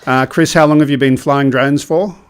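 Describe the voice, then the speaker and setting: A man hosting a live stream, chatting casually, reading viewer comments aloud between relaxed ums. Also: mid-range voice, moderate pace, smooth. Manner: relaxed, rambling with many ums.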